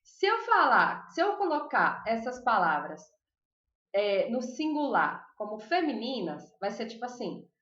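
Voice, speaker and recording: Bright-voiced woman teaching in an echoey room. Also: on the high side, big pitch swings, lo-fi sound. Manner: chatty, asks students questions and repeats word lists slowly. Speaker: Spanish teacher. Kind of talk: online class lesson.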